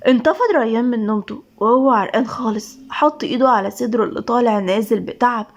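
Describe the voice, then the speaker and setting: A woman's voice: fairly high pitch, quick pace, highs cut off. A woman with an Egyptian accent narrating a dramatic romance story with emotive reading. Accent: Egyptian Arabic.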